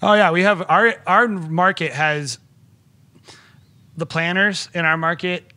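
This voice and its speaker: Speaking slowly in a high voice with a sharp tone, a man appears as a guest on a podcast. A wedding filmmaker, he talks shop with enthusiasm in this casual conversation, rambling and restarting often.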